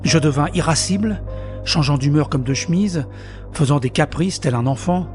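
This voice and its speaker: A man's voice: on the high side, normal speed, natural voice. A man narrating his own story in the first person in an audio drama, bitter and introspective. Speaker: narrator and lead character. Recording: soft music underneath.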